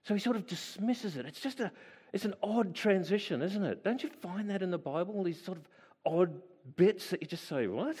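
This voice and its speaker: High-voiced man preaching a conversational sermon. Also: a little fast, a little mellow, slightly rough, long reverb tail. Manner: conversational, musing, asks the listeners questions. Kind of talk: sermon with scripture reading.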